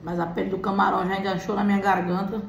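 A woman's voice: mid-range voice, flat delivery, quick pace, gravelly. A Brazilian woman in her thirties making casual, short remarks to viewers while eating at home. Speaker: mukbang vlogger. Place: small indoor room at home. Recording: roomy echo, faint background noise.

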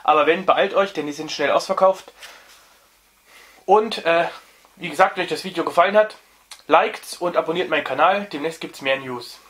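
A man's voice: on the high side, normal speed, fairly bright tone, slightly rough. A young man hosting a casual record review, talking off camera with many fillers and restarts. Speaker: vinyl review channel host.

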